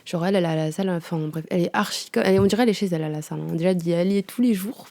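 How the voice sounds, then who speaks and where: A woman's voice: lowish voice, racing, vocal fry, darkish tone. A young woman, telling a story in a casual, slangy podcast chat with lots of fillers. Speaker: podcast host. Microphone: home podcast microphone.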